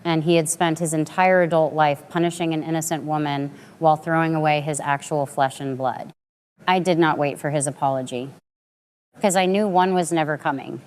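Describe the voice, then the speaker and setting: Woman in her late twenties, low voice, smooth and resonant, measured dramatic storytelling, scripted narration. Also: fairly even intonation, a little mellow. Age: late 20s.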